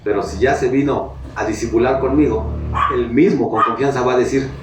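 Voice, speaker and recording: A man's voice: medium pitch, steady tone, a little fast, heavy background noise. A Mexican man preaching a sermon as pastor, talking in a conversational way and asking his congregation questions. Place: church hall. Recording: echoey hall, mic at a distance.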